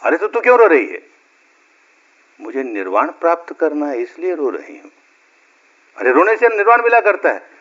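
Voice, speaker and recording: A meek forest spirit answers without guile. A man tells her part in a story. The voice sits fairly high, and the recording is lo-fi and dull. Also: very animated, moderate pace, pauses often, a bit bright. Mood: plain. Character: meek female forest goddess, simple.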